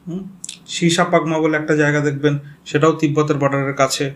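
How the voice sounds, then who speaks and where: Bengali man teaching geography, mid-high voice. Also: level tone, fast talker. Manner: explains step by step, spells names out, checks in with "okay?". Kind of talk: geography lecture.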